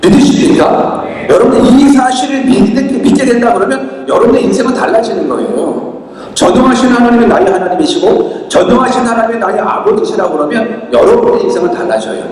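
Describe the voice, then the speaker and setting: A man's voice: very high voice, animated, fairly quick, a little mellow. A man preaching a sermon as pastor, emphatic, repeating rhetorical questions to the congregation. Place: large church hall. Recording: echoey church hall from far off.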